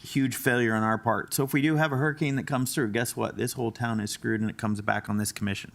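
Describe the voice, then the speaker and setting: A man's voice: medium pitch, steady tone, fast, creaky, a bit bright. A man, a town commissioner and former mayor, making blunt, emphatic points in a commission meeting. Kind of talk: meeting debate.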